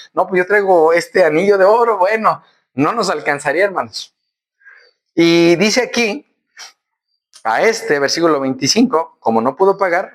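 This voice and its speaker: A man's voice: on the high side, fairly bright tone. A man. He addresses his listeners as brothers and keeps asking them questions. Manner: addresses congregation as brothers, asks rhetorical questions. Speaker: preacher. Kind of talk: sermon.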